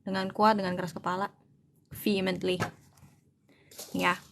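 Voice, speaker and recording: With slight background noise behind her, a woman speaks in a gravelly, mid-range voice at a measured pace and with flat delivery. She is an online tutor who reads an English novel aloud and translates it line by line into Indonesian. In a casual way she muses aloud, looks for words, and blends English and Indonesian freely.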